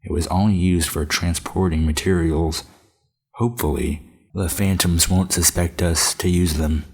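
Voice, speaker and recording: A man voicing a calm, gentle male agent who leads the team, in a very deep and slow, measured voice. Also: slightly rough, heavily acted.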